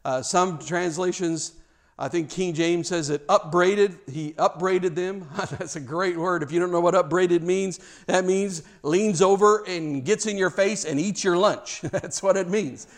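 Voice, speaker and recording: A male pastor delivering a sermon, animated, often repeating words as he restarts his sentences. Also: high-pitched.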